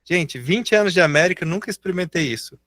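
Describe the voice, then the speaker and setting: A Brazilian man with a slightly high voice teaches in a live class, patient and encouraging. He stretches the words he is showing into slow, careful sounds. His voice is dry and close to the mic. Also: expressive, a bit bright, no room sound. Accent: Brazilian Portuguese. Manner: encouraging, patient, slowly drawls out example words. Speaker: English teacher.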